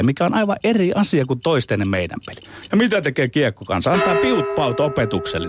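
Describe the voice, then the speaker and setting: A man's voice: fairly high pitch, no room sound. A man co-hosting a sports debate show, delivering prepared arguments with theatrical, sardonic, mock-archaic rhetoric. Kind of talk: scripted polemical argument.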